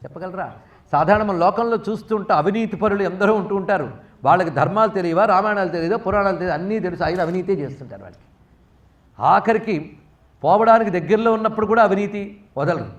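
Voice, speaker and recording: High-voiced Telugu man telling a devotional story. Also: quick pace, distant mic, dull audio. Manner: animated storyteller who acts out characters' words and questions the audience. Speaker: spiritual lecturer.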